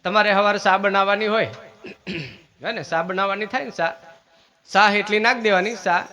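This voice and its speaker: Speaking at a normal speed in a high-pitched, sharp voice with a steady tone, a religious teacher delivers a village sermon with devotional singing. He is preachy and teaches by asking his listeners questions.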